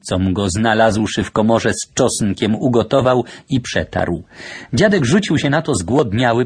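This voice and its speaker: A man reads a historical novel aloud at an unhurried pace. His voice is husky, and his pitch rises and falls widely as he tells the tale in measured, old-fashioned phrasing. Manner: measured storytelling in archaic phrasing. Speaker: audiobook narrator. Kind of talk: literary audiobook narration.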